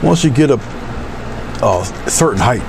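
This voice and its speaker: Middle aged guy doing a gentle painting tutorial, gravelly fry in his voice, unhurried, noisy room hum. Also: mid-range voice, expressive. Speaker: painting instructor and livestream host. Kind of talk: casual painting tutorial, thinking aloud while working. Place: small indoor room with curtained window, painting at an easel.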